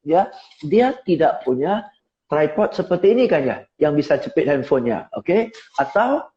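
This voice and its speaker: A middle-aged man coaching on sales in a live online talk, lively and rhetorical, often asking listeners to agree. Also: a little high, normal speed, highs cut off. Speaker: seminar speaker and sales coach. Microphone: phone on a tripod.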